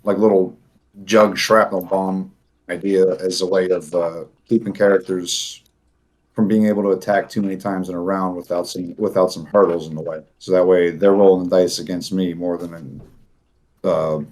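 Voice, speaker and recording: A man's voice: low-pitched, flat delivery, normal speed, darkish tone. A man chatting casually as a player in a tabletop game, rambling with many fillers and restarts.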